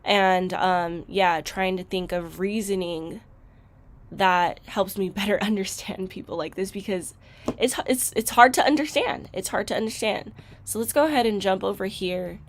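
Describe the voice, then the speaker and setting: This reaction video host has a mid-range voice and keeps a moderate pace. She muses aloud with plenty of fillers, and her frustration comes out loud and emphatic.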